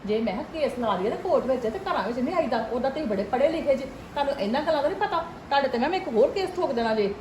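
A woman playing a sharp-tongued, defiant middle-aged mother-in-law who scolds loudly and sarcastically. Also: high-pitched, animated, racing, few pauses, reverberant, slight background noise. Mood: complaining. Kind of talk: acted family drama.

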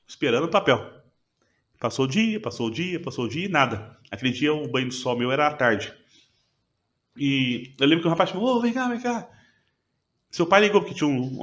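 A man's voice: mid-range voice, fairly bright tone. A man, a podcast guest, earnestly retelling a personal testimony with emotion and frequent restarts.

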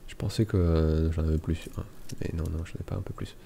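A man's voice: a bass voice, little pitch movement, brisk, creaky, warm tone, a little hiss or hum. A man casually commenting on his strategy game as host of a let's play, talking to himself with many fillers. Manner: mumbling to himself, lots of ok and euh.

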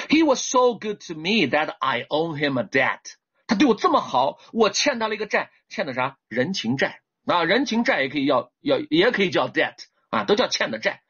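A man teaching English vocabulary in a livestream lesson, animated, often asking viewers to type one to show they understand. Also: husky. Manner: lively with sudden high exclamations. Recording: dull lo-fi stream audio.

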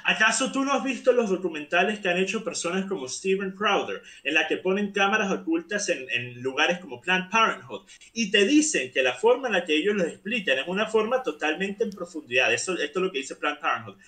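A man's voice: high-pitched, animated, a little fast, sharp tone, roomy sound. A man arguing hard in a live debate, pressing his points insistently and getting worked up. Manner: insistent, keeps repeating the other's name, grows agitated. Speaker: debate opponent.

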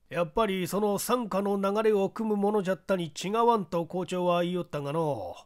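A man's voice: high voice, voice pushed up. A man voicing a portly, self-important older police chief who drawls in Kyushu dialect.

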